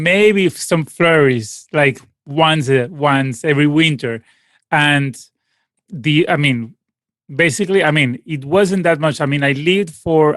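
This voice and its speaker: His voice runs on the high side and a bit bright, captured in a dry recording. He's a Venezuelan guest musician in his late forties, a native Spanish speaker, rambling casually through a call interview with many fillers and restarts.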